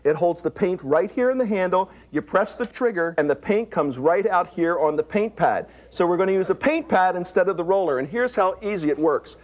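An American man in his forties giving an emphatic, persuasive home shopping host pitch while demonstrating products. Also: lively intonation, fairly quick, hardly any pauses. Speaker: infomercial pitchman. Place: TV studio demonstration set. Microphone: lapel mic.

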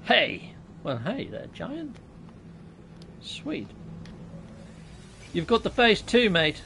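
Very slow and high-pitched, his voice swoops wildly, bright and forceful, with vocal fry and a little hiss or hum. A British man in his thirties, he live-streams a game and jokes with viewers, often at his own expense. His USB mic rests on his laptop in a small room at home.

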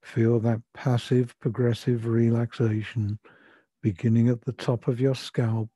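An older man with a soft, breathy voice gently guiding a breathing and relaxation meditation in soothing, measured instructions. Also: mid-range voice, level tone, no room sound. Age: 60s or older. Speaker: relaxation therapy guide. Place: furnished room at home. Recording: dull lo-fi sound, music behind. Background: music.

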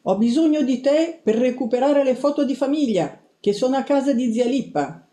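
A woman voicing an excited young female mouse reporter who talks in an urgent, insistent rush. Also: high-pitched, pitched above the performer's own voice. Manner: urgent, rapid-fire, insistent. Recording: roomy echo.

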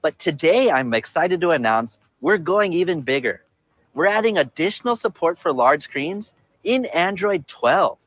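A man in his forties delivering a scripted tech keynote presentation outdoors on a city rooftop, upbeat and measured. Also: fairly high pitch, expressive, fairly bright tone, no room sound.

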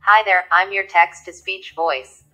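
Female text-to-speech robot voice, crisp and bright, reads screen text aloud in an even, machine-like tone. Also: fairly low pitch, a little slow, faint music behind, poor audio. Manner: even, mechanical read-aloud delivery. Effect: synthetic text-to-speech voice. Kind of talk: computer reading text aloud.

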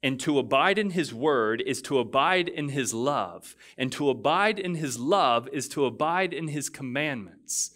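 A man's voice: mid-range voice, animated, measured pace, hardly any pauses, a bit bright. A male pastor delivers a sermon in a mid-range voice, talking to the congregation in a loose, conversational way with frequent restarts. At key phrases he swells into emphatic, rising declarations. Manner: conversational asides with fillers and restarts. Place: church.

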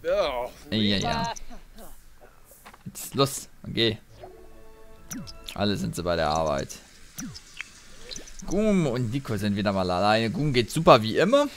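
A man giving casual commentary while playing a video game, talking to his characters in an animated way, with game music behind him. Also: lowish voice, takes it slowly, long pauses. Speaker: let's play host.

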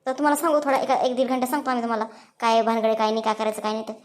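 A woman voicing a calm female doctor. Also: a little high, very fast, close to an everyday voice. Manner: calm, explaining.

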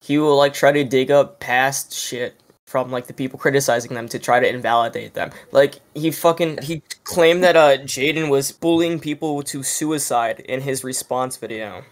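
Guy cohosting a podcast, swears a ton, rambly explainer, normal pitch, home mic. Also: normal speed. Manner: profane, rambling, explains drama at length. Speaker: podcast co-host. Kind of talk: casual group chat.

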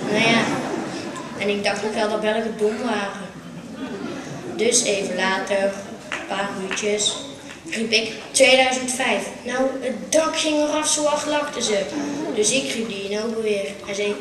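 A woman's voice: on the high side, noisy background. A woman with a Brabant Dutch accent performing a comic stage monologue at a carnival show, telling a story full of punchlines. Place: small theatre stage. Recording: roomy, distant amateur stage recording.

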